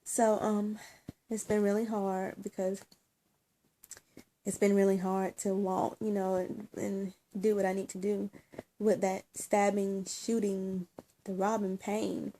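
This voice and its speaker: Teary lady vlogging, warm low-key voice, lots of ums, faint hiss behind. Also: little pitch movement. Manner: halting, many ums and restarts, emotional. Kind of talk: casual personal vlog.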